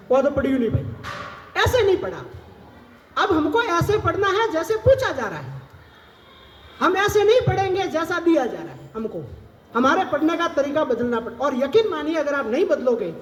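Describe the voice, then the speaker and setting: A man with a very high-pitched voice talks straight to an audience of exam aspirants, explaining step by step and putting rhetorical questions to them. He speaks into a microphone in a large hall, and the sound rings with a long, echoey reverb over faint background noise. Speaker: civil service officer advising exam aspirants. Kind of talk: advice talk to an audience.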